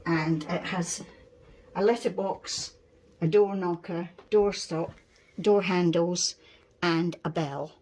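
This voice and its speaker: A middle-aged Scottish woman talks through her dollhouse in a relaxed show-and-tell way, pointing out each little item and patiently spelling out details. Her voice sits a touch low for a woman. A faint hiss of background noise runs under the recording. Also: slow. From Scotland. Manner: patient, explains details step by step. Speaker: dollhouse owner showing her miniature house. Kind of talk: casual show-and-tell chat.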